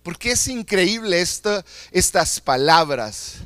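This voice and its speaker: A man's voice: high voice, expressive, takes it slowly, fairly bright tone, dry recording. A man preaching a sermon as a pastor, earnest and emphatic, repeating phrases for stress.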